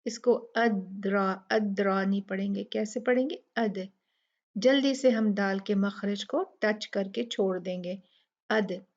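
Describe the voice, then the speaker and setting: Slow, patient female tajweed teacher, dull lo-fi sound. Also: medium pitch, fairly even intonation, darkish tone. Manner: patient, explains slowly and demonstrates each recited word. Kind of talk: step-by-step recitation lesson.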